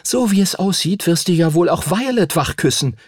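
A man's voice: high voice, expressive, moderate pace, vocal fry, no room sound, clean studio sound, voice pushed up, full character voice. Man doing a hot-tempered young girl. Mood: hissing. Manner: sharp and scolding. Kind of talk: audiobook character voice.

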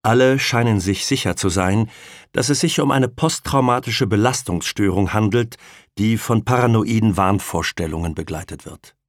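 A man narrating an audiobook in a steady, measured way. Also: on the low side, dry recording, studio quality.

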